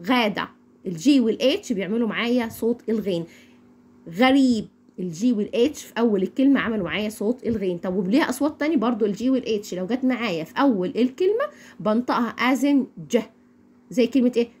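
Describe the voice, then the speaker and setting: A young woman with an Egyptian accent teaching English phonics, repeating each word slowly for learners to echo. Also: a little high, lively intonation, darkish tone, breathy edge. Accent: Egyptian Arabic. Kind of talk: phonics lesson.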